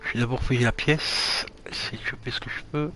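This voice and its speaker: A man's voice: medium pitch, steady tone, brisk, sharp tone, a little hiss or hum. A man streaming a video game, muttering to himself and swearing as he searches around. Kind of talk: casual gaming commentary.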